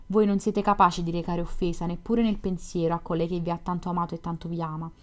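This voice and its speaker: A woman's voice: lowish voice, flat delivery, quick pace, close to an everyday voice. An eager, earnest young dreamer from a storybook, as a woman reads him aloud. He talks fervently and persuasively, in a voice raised a little above her plain reading.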